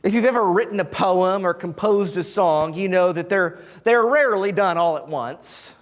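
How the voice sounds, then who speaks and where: A preacher giving a sermon in a church, animated and full of rhetorical questions put to the congregation. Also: medium pitch, moderate pace, long reverb tail. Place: church sanctuary.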